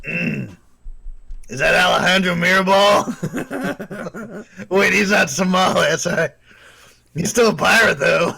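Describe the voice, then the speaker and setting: A man's voice: high voice, unhurried, vocal fry, long pauses, bright, forceful tone. A man co-hosting a casual livestream chat, joking around and laughing often. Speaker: co-host of a livestream.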